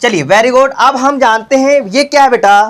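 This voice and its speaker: A man's voice: very high voice, normal speed. A young man teaching as a tuition teacher, drilling his pupils with repeated call-and-response questions and calling them beta. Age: young adult. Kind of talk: classroom lesson. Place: tuition classroom with children. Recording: noisy classroom recording with clicks.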